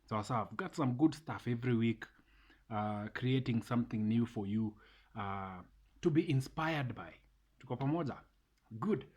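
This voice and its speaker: Husky man, casual vlog. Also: medium pitch, moderate pace, a little mellow. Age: 30s. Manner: repeats phrases, mixes in Swahili. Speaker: vlogger.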